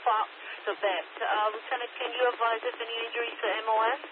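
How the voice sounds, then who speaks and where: Male police radio dispatcher, high voice, clipped procedural read-backs, tinny hissy scanner feed. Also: flat delivery, quick pace. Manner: clipped, procedural, repeating addresses back. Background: radio hiss.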